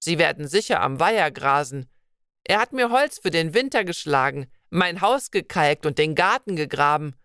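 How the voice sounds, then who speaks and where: A wise old woman of the forest speaks slowly and kindly, as a female narrator puts her on. Her storybook voice is low and gentle, with old-fashioned phrasing, recorded dry and close. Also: animated, clear, resonant tone, dry recording. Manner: slow, gentle, archaic speech.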